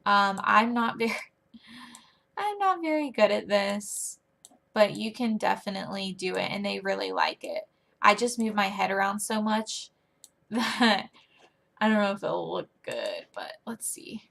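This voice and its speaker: A young woman explaining online English teaching in a chatty tutorial, often using a high, playful teacher voice. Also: animated, measured pace, vocal fry, fairly bright tone. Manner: chatty, demonstrates teacher lines in a high, exaggerated sing-song. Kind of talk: casual screen-recorded tutorial.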